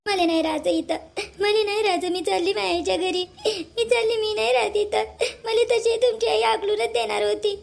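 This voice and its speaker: A woman's voice: very high voice, level tone, fairly quick, gravelly, full character voice. A woman, playing a young wife who sobs and complains that her mother-in-law beat her. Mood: sobbing. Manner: sobbing, tearful complaining. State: crying. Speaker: actor in a family drama. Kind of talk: amateur family drama acting.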